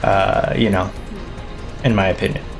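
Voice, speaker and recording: A man's voice: sits low, fairly even intonation, moderate pace, creaky. Hesitant man over music. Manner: hesitant, many ums and restarts. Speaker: stream co-host. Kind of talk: casual podcast chat.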